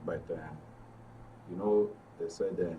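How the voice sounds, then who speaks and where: A Nigerian-accented guest discusses politics in a radio and TV studio, repeating phrases for emphasis. His dark-toned voice sits low and unhurried with fairly even intonation, its highs cut off, and a distant mic picks up faint background noise.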